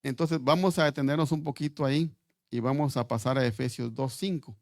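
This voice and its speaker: Gravelly-voiced man preaching a sermon. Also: mid-range voice, no room sound, studio quality. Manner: halting, repeats words while reading scripture aloud.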